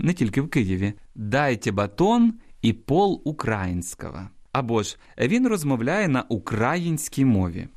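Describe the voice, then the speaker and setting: A man hosting a radio language program, reading a scripted talk that answers listener questions and slowly stressing each example word. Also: mid-range voice, darkish tone. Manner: didactic, spells out examples slowly and emphatically.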